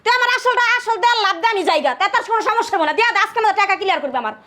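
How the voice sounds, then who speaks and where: Shrill bossy moneylender woman, played by an actress. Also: lively intonation, rapid-fire, bright, forceful tone, exaggerated voice. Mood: angry demanding. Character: pushy female moneylender demanding interest. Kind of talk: amateur village drama.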